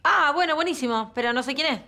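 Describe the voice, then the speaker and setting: A bubbly, chatty woman picks up the phone with a high, bright, voice. Faint clicks and background noise come through. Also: animated, quick pace, heavily acted. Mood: puzzled. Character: cheerful, chatty woman answering a phone call.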